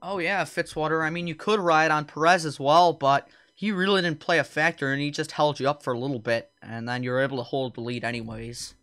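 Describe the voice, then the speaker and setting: Smooth-voiced young man calling sim races. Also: fairly even intonation, fairly quick, hardly any pauses. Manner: casual, rambling asides to chat between race calls; loud, high-pitched calls during racing action. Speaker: league host and race commentator. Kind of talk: live-streamed sim racing play-by-play commentary.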